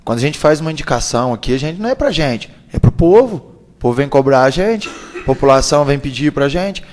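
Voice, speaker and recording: A man's voice: a little high, lively intonation, a little fast, darkish tone. A man, a councilman, pressing pointed questions during a council debate. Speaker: town councilman. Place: council chamber.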